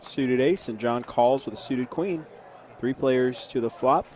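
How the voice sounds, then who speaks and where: A man commentates a poker game on a live stream. He is low-key and a little hesitant, giving the action in short, clipped phrases with a mid-range, conversational voice. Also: measured pace, a little mellow.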